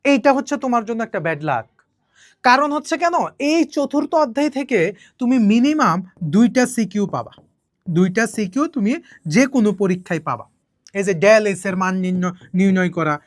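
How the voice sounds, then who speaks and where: A woman chemistry teacher with a Bangladeshi Bengali accent, giving an exam-prep lesson slowly and deliberately, often repeating herself and checking in with students. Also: medium pitch, animated, no room sound, studio quality.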